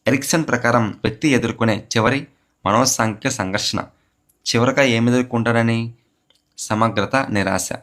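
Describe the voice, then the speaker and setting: A man's voice: medium pitch, moderate pace, fairly bright tone. A man teaching psychology for a teacher exam, asking a question and then answering it himself, and repeating key terms to drive them home. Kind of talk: exam question walkthrough lecture.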